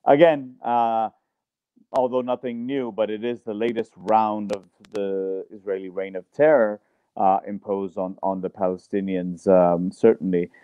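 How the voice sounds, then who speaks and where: A man hosting an interview show, introducing his guest and posing long questions, halting with many "uh" and "um" fillers. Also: fairly low pitch, flat delivery, mellow, clear, resonant tone. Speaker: show host. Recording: dull, dry lo-fi sound.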